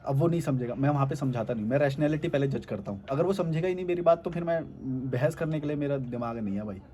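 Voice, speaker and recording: A man's voice: on the high side, expressive, fast, dark tone. A man speaking bluntly and matter-of-factly in a casual conversation, telling travel anecdotes. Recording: faint background noise.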